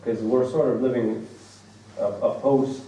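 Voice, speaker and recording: With a warm, steady, mid-range voice and measured pace, an American man delivers an Islamic religious lecture. He illustrates Arabic terms using lively examples from daily life. A far-off mic captures him in an echoing hall, with slight background noise.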